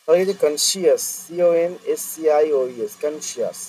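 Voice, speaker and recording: A man teaching an exam-prep spelling lesson, spelling English words out letter by letter and repeating them slowly for students. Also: a little high, lively intonation, a little mellow, breathy edge. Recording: distant mic with faint noise.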